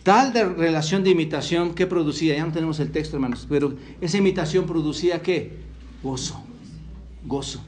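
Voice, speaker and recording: Earnest Mexican pastor preaching. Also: male voice, on the high side, brisk. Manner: earnest preaching, quotes scripture, asks the congregation questions. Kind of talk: sermon. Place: church hall.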